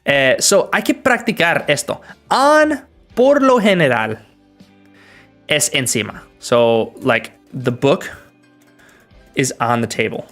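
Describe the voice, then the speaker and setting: A young American man from the northern US runs a casual livestream Q&A, teaching English in an easygoing, friendly way. His voice sits at an ordinary middle pitch, and faint music plays under his talk. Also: slow, long pauses. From northern United States. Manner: relaxed, greets viewers by name, explains with examples. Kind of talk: livestream Q&A, bilingual.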